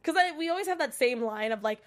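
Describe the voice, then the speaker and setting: Lady with a bit of a cold rambling on her stream, kinda high voice, lots of ums. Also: expressive, quick pace. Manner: chatty, rambling, filler-heavy. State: recovering from a cold, coughing. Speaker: livestream show recap host. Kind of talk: casual chat reacting to viewer comments.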